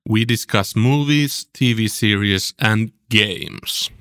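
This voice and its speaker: A man's voice: fairly low pitch, takes it slowly, a bit bright. A man, hosting a casual podcast and often repeating words as he goes. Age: 40s. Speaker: podcast host. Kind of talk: casual chat.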